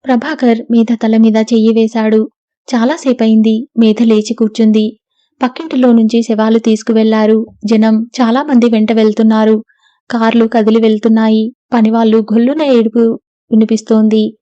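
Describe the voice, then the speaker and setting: A woman reads a novel aloud in an even, steady storytelling voice. Her tone is mellow and a touch high, with a flat melody. The recording is dry and somewhat lo-fi. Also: normal speed, dry recording. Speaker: audiobook narrator. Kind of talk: scripted novel narration.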